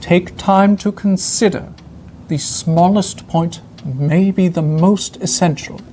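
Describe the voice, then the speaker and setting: A performer playing a composed, analytical Victorian gentleman detective in a mystery role-play, speaking formally and with measured care. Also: medium pitch, slight background noise, close to an everyday voice. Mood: composed, probing.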